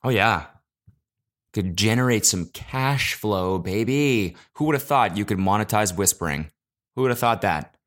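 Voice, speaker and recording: A man hosting a casual solo podcast, talking into a podcast mic in an animated, profane rant that jumps between loud exclamations and low mutters. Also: measured pace. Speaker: podcast host. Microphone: podcast microphone.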